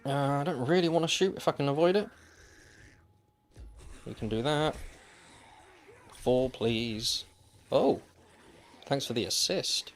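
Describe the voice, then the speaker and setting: Here a man with a mid-range voice speaks at a slow pace, pausing often. He's streaming a survival game and chatting loosely with viewers, his commentary laced with dry wit, captured through a desk microphone.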